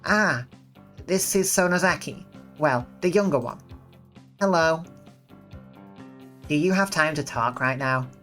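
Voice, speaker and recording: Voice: medium pitch, a little slow, long pauses, a bit bright, faint music behind, natural voice. A reader doing friendly teen girl Shion. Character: playful teenage girl Shion. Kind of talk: reading a visual novel aloud.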